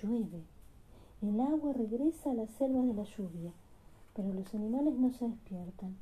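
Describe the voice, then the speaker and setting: A woman reading a storybook aloud to her child at bedtime, gentle and expressive. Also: fairly high pitch, normal speed, rough recording.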